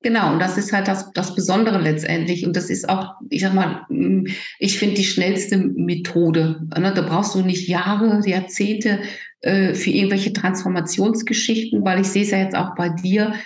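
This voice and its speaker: A woman coach speaks with emphatic conviction in a relaxed interview, punctuating her thoughts with quick tag questions. Her voice sits at a middle pitch and bounces around an echoey room. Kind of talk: casual interview chat.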